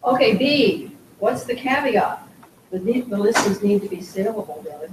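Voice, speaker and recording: A woman leading a real estate sales meeting, brisk and quizzing the room. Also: medium pitch, expressive. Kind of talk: leading a group training session. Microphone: distant room microphone. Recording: echoey room, far from mic, noisy.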